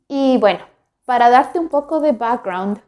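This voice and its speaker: A woman's voice: fairly high pitch, animated, unhurried. A woman in her twenties from Ecuador, hosting a podcast and telling her own story in a reflective, candid way. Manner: reflective and candid, warm direct address to listener. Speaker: podcast host. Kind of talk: personal storytelling monologue.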